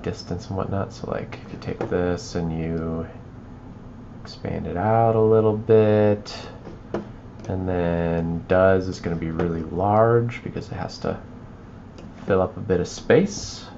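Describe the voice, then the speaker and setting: A man walking viewers through a video edit on a livestream, thinking aloud and trailing off into quiet mutters as he works. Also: sits low, unhurried, muffled recording, slight background noise. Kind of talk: live editing walkthrough.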